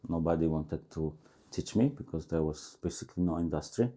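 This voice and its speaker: Deep-voiced Polish man, halting English. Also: mellow. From Poland. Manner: halting non-native English with restarts. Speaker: guest tattoo artist. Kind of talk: casual interview. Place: tattoo shop.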